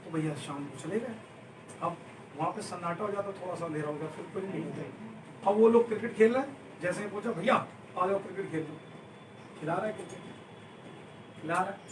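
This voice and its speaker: A male teacher telling a joking story to his class in an animated way and leading repetition drills. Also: high-pitched, fairly quick, pauses often. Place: indoor classroom. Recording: echoey room, far from the mic, noisy.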